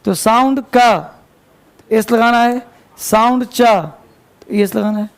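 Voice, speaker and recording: A man's voice: extremely high pitch, fairly even intonation, slow. A male English teacher with a Hindi-speaking North Indian accent, giving a classroom grammar lesson, spelling words out letter by letter and asking students questions he answers himself.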